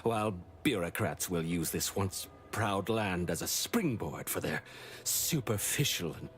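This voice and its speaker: A man's voice: sits low, expressive, measured pace. An actor playing a pompous, defeated male commander in a video game, lamenting in formal, florid language and blaming himself. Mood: grandiose despair. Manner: formal, florid, grandiloquent, theatrically self-blaming. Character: pompous, defeated male commander mourning his doomed island. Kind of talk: scripted video game dialogue.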